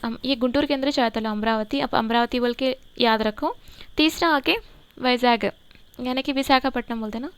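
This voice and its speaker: A woman teaching a current affairs lesson for exam students. She explains slowly and repeats the key words so that they stick. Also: fairly high pitch, smooth, no room sound.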